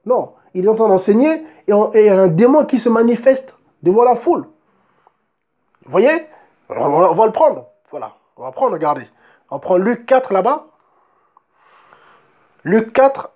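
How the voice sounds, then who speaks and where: A man's voice: sits high, big pitch swings, unhurried, pauses often, dark tone. A man preaching a sermon and reading Bible verses, emphatic, often asking his listeners if they see, and restarting words as he goes.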